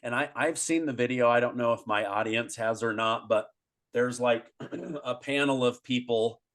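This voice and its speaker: A man's voice: mid-range voice, moderate pace, a bit bright. A man hosting an interview, reacting with exclamations and restating his guest's points to check he understands them. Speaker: interview host. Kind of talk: conversational interview.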